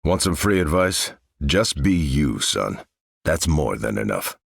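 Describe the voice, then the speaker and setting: An American man with a very deep, gravelly voice voices Captain America in a video game, playing him as a stalwart veteran soldier and earnest, commanding leader. His unhurried, full character delivery swings widely in pitch and uses military phrasing in an earnest, measured mood, recorded dry with studio quality.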